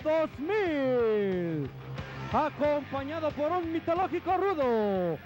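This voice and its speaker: A man announcing wrestlers' entrances in drawn-out dramatic phrases. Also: very high-pitched, very animated, a little mellow. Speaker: ring announcer. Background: music.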